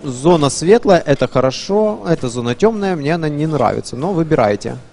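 A man's voice: on the high side, lively intonation, fairly quick, vocal fry, a little mellow, faint music behind. A man giving casual live commentary on a fighting game tournament, chatty, with playful asides. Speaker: esports commentator. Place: live gaming tournament event.

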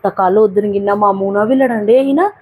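A woman playing a sickly, put-upon young aunt who talks softly and wearily to a child in an amateur family drama. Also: medium pitch, brisk, slightly rough, close to an everyday voice. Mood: complaining.

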